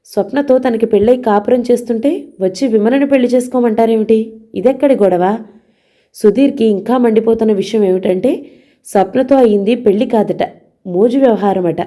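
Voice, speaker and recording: A woman narrating a novel as an audiobook reader, in an even storytelling delivery. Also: fairly high pitch. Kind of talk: novel reading.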